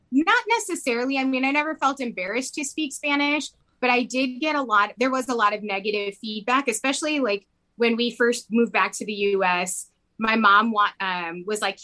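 In a casual interview, a young woman raised in Mexico speaks with a medium-pitched, bright, forceful voice. She tends to ramble and leans heavily on "like" as a filler.

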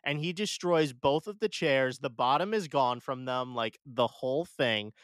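A young man, a podcast guest, telling stories in an excitable, rambling way. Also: medium pitch, a little slow, dry recording. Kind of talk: casual chat.

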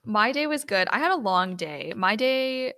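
A woman's voice: mid-range voice, lively intonation, moderate pace, fairly bright tone. A young woman co-hosting a casual student podcast, friendly and upbeat, with a teasing edge. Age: young adult. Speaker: student co-host.

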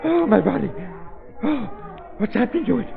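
An actor playing a terrified young American captive, wailing, pleading and gasping in 1930s radio style. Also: male voice, very high-pitched, sing-song, moderate pace, vocal fry, exaggerated voice. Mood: agonized. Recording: muffled old radio recording, organ music, background voices.

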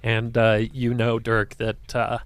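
A man narrating as game master of a tabletop game in a relaxed, loose way with many fillers. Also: mid-range voice, slow, clear, resonant tone, no room sound.

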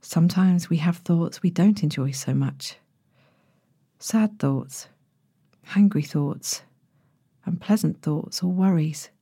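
A woman narrating a sleep story as a guided relaxation, in a gentle, hushed and breathy manner with long pauses. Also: fairly low pitch, dry recording, clean studio sound. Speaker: podcast host, sleep meditation narrator.

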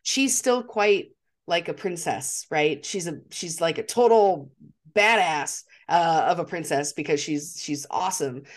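A woman's voice: on the low side, unhurried. A woman co-hosting a podcast, talking enthusiastically with lots of fillers and restarts. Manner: enthusiastic, rambling with many fillers. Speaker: podcast co-host. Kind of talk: casual chat.

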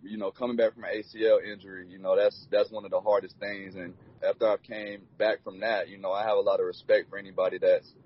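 Young male athlete, husky and even-toned, easygoing answers, dull lo-fi sound. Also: on the low side, quick pace, few pauses. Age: 20s. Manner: laid-back, many "you know" fillers. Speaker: college football player. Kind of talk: relaxed interview answers. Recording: dull lo-fi recording.

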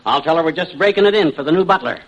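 Man doing a brash wisecracking husband, highish voice, loud hiss of vintage radio. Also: natural voice. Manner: brash, fast-talking braggart. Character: boastful wisecracking husband, middle-aged. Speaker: radio comedy actor. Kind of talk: 1940s radio sitcom acting. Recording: heavy hiss, old radio transcription.

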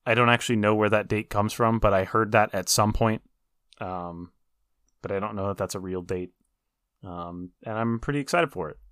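A man's voice: fairly low pitch, normal speed, fairly bright tone, smooth, dry recording, studio quality. A man co-hosting a casual gaming podcast, explaining and giving his opinions in a matter-of-fact way. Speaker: podcast co-host.

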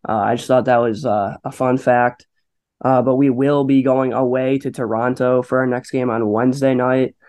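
Flat-voiced man in casual sports chat. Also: medium pitch, normal speed. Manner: hesitant, many fillers and restarts. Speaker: podcast co-host.

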